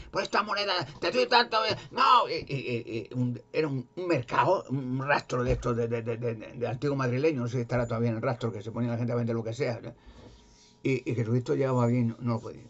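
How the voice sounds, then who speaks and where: Husky man retelling Bible stories. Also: mid-range voice, dull audio. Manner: rambling, animated storytelling with repetitions. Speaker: religious speaker.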